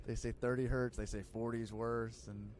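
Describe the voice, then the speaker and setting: A man's voice: mid-range voice, level tone, normal speed, a little mellow, slight background noise. A man in his thirties hosting a podcast, chatting loosely and filling his talk with "like" and "dude". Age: 30s. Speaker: podcast host. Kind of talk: casual chat.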